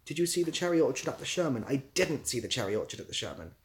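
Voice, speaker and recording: Racing along with big swings in pitch, a young man with a medium-pitched voice hosts a casual, rambling livestream full of self-deprecation. The YouTuber comes from southwest England, near Bath, and it shows in his accent.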